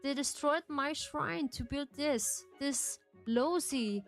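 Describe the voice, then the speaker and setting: Woman voicing a high-pitched, petulant game ghost, non-native English. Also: slow, soft background music. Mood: aggrieved. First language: not English. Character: petulant, possessive ghost guarding a ruined shrine. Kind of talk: reading game dialogue aloud in character.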